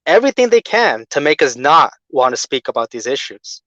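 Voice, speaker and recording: A man's voice: mid-range voice, big pitch swings, a little fast, fairly bright tone, dry recording. A man on a video call that keeps breaking up, joining a casual group discussion and building on what others say. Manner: agreeable, builds on others' points. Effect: video call audio that breaks up. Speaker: panel guest. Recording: dull, dry video call audio.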